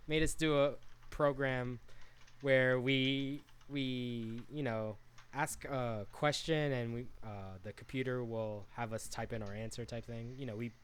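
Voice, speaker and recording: A man's voice: medium pitch, fairly even intonation, measured pace, clean tone. A man in his twenties, co-hosting a podcast with friends, casual and full of swearing. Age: 20s. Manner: swears a lot, loud outbursts. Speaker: podcast co-host.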